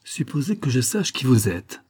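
A man's voice: mid-range voice, sing-song, moderate pace, pitched above the performer's own voice. A man voicing a proud, furious noblewoman with a strong, ringing voice. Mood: accusing. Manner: forceful, clear and ringing.

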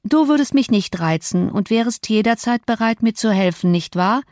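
A woman's voice: fairly high pitch, animated, moderate pace, darkish tone, no room sound, clean studio sound, close to an everyday voice. A woman reading an audiobook, voicing a sickly, petulant teenage boy who whines and taunts. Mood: pleading. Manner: whiny and taunting.

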